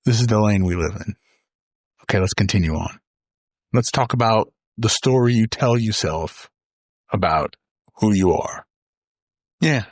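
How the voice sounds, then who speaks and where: A man with a low voice hosts a motivational podcast, speaking in an earnest, emphatic way and often repeating a word or phrase to drive the point home. The recording is dry and close, with no room sound. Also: no room sound. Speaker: podcast host.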